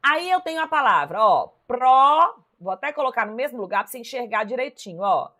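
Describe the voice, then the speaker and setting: A Brazilian woman teaching a live online class, correcting exam questions in a lively, emphatic way and talking straight to her viewers. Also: fairly high pitch, quick pace. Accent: Brazilian Portuguese. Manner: lively, emphatic, addresses viewers directly with "ó" and "tá vendo?". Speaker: Portuguese teacher.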